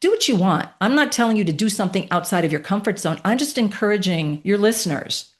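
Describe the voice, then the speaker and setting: A woman in her late fifties speaks as an interview guest, her voice sitting at an ordinary middle pitch. She tells her stories emphatically, building to pointed rhetorical questions. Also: lively intonation, fast talker. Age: 50s. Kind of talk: podcast interview storytelling.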